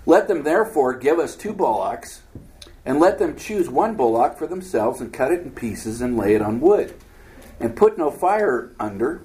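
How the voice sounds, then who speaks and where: A man's voice: medium pitch, big pitch swings, normal speed, darkish tone, low-quality recording. A man teaching a Bible study, reading scripture aloud and breaking in with casual, joking commentary. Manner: reads scripture aloud then adds joking asides, acts out voices.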